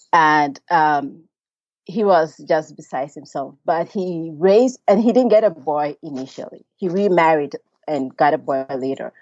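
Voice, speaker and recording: A woman from Ghana, a textile artist, talking as a guest in a relaxed, thoughtful way with many pauses and ums. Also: low voice, no echo, dull audio. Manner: slow, thoughtful, frequent ums, laughs easily. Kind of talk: casual interview talk.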